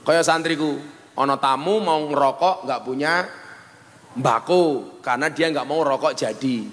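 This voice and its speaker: A man with a Javanese accent and a fairly high, fairly bright voice speaks a little slowly as he preaches a humorous sermon to an audience at a large venue. He jokes, switches between Javanese and Indonesian, and acts out the voices in his stories, with a long reverb tail trailing his words.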